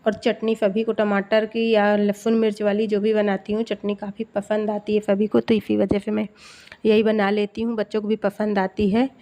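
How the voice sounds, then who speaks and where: A woman's voice: mid-range voice, flat delivery, normal speed, mellow. Chatty woman vlogging about home life. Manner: chatty, addresses viewers as friends. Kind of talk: casual home vlog narration. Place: outdoors then home kitchen.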